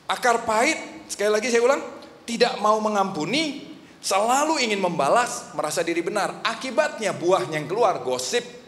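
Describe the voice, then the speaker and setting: Male Indonesian pastor, animated sermon with questions to the congregation, fairly high voice, recorded with long church-hall reverb. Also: normal speed. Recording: echoey hall reverb, faint ambience.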